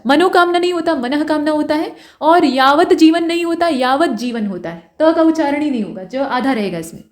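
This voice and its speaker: Her voice sits high and a little mellow as she leads an exam-prep lesson, working patiently through spellings one by one. She explains each step and corrects every wrong form in turn.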